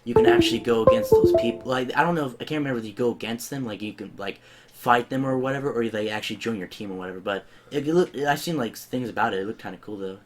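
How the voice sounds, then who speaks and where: A man's voice: medium pitch, fast, music in the background. Rambling young man chatting about games. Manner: rambling, many fillers and restarts. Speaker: podcast host. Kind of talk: casual gaming chat. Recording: faint background noise.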